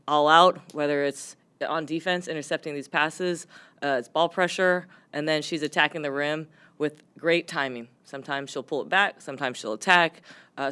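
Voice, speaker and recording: A woman head coach answering post-game press questions, her voice hoarse from yelling, speaking candidly with lots of fillers. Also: deep voice. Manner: candid, rambling with frequent fillers.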